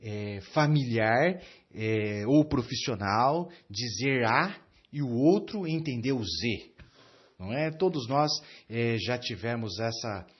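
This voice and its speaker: Husky-voiced Brazilian man preaching. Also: mid-range voice, expressive, slow, dull audio. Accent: Brazilian Portuguese. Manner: teaching with many fillers and tag questions. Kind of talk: sermon.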